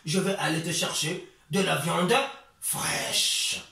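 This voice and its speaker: A man voicing a timid, anxious male monkey husband in a children's tale, pleading quickly and fretfully. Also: a little high, vocal fry, bright, forceful tone, voice pushed down, heavily acted. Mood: protesting. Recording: echoey room from far off.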